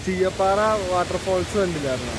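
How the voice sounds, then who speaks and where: A man's voice: sits high, a little fast. A man in his twenties with a Kerala Malayali accent, chatting casually to vlog viewers and mixing English words into his Malayalam. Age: 20s. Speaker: travel vlogger. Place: outdoors by roadsides, dam and waterfall. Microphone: handheld phone at arm's length. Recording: noisy outdoor roadside, wind and traffic.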